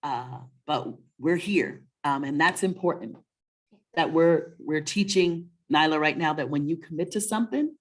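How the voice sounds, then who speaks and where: Her voice sits low and she's in no hurry as she co-hosts a children's story webinar. The woman keeps things casual, warm and motivational, encouraging listeners and frequently asking how they're doing.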